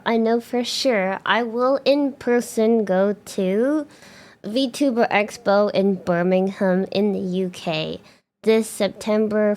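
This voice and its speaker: Her medium-pitched voice has a creaky quality as this young woman streamer chats loosely to her audience. She rambles with fillers and restarts, bursting with bubbly excitement at times.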